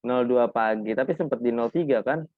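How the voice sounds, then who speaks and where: A man's voice: mid-range voice, normal speed, no echo. Chatty man interviewing over a tinny line. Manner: chatty, prompting with many tag questions. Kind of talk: casual interview on a remote call. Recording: dry, phone-like call audio.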